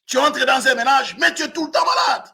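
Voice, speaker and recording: A man in his fifties, a pastor from Africa, preaching a sermon with frequent shouted emphasis. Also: very high-pitched, brisk. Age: 50s.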